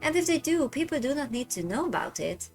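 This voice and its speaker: A woman's voice: high-pitched, very animated, fairly quick, a little mellow, faint music behind, voice pushed up. A woman playing a haughty Victorian sister. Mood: scolding. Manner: haughty, scolding. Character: stern upper-class Victorian woman, scolding older sister.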